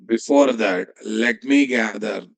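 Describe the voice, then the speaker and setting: A man with a Telugu Indian English accent works as a programming instructor at a slow, drawn-out pace. His pitch sits in the middle range for a man. He repeats himself and puts checking questions to his students as he dictates code. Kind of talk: live coding lesson, dictating while typing.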